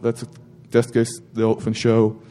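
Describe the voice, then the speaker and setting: A man's voice: lowish voice, monotone, moderate pace, mellow, faint music behind. A middle-aged man giving an informal technical talk at a security conference, rambling with self-corrections and joking asides to the audience.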